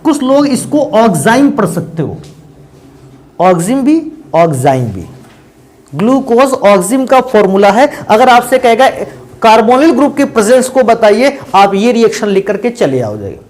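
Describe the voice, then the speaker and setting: A man's voice: extremely high pitch, very animated, normal speed, slight background noise. A man teaching chemistry in a lecture. He calls his students beta and bhaiya and keeps asking questions and answering them himself. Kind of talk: classroom lecture.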